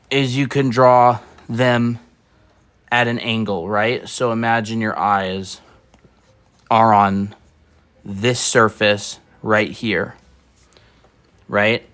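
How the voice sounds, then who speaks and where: A man's voice: mid-range voice, a bit bright. A man co-hosting a livestream art lesson, casually explaining drawing techniques step by step. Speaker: co-host art teacher.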